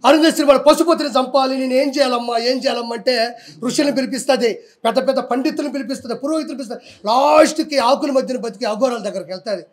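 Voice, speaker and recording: High-voiced guy in an interview, fired up and challenging everyone. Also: fast. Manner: combative, defiant, challenging. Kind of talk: heated political interview.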